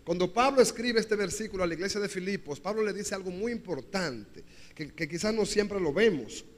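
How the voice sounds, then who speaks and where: A man's voice: high voice, lively intonation, brisk. A man preaching a sermon as pastor, emphatic and repetitive, calling out to the congregation for responses. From Dominican Republic. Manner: repetitive, emphatic phrasing with shifting pace. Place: church hall. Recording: church hall with long reverb.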